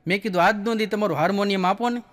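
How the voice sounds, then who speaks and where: A man's voice: high voice, racing, a bit bright, long reverb tail. A man with a Kathiawadi Gujarati accent telling jokes on stage as a folksy storyteller, acting out the people in his stories. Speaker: comedian. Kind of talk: stand-up joke telling.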